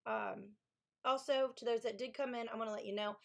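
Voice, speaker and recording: A woman's voice: on the high side, fairly even intonation, brisk, vocal fry. A woman from Kentucky with a Southern accent, chatting casually with viewers on a live stream about her books. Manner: chatty, thanks viewers, reads chat aloud. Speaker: author streaming writing sprints.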